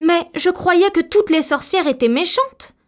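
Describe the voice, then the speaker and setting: A woman's voice: extremely high pitch, animated, measured pace, pitched above the performer's own voice. A woman voicing an innocent, timid little girl who exclaims in alarm. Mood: wary. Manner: startled, exclaiming.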